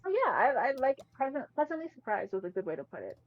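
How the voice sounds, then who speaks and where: A woman's voice: high voice, wildly swooping pitch, fast talker. A woman co-hosting a podcast, reviewing a movie in an emphatic, slangy, casual chat. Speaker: podcast co-host. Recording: slightly muffled, dry mic.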